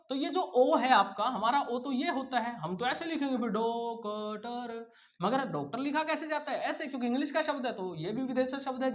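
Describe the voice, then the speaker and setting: A male Hindi teacher with a very high-pitched voice gives an exam-prep grammar lesson. He repeats key words, poses questions and answers them himself, and addresses his students as son and brother.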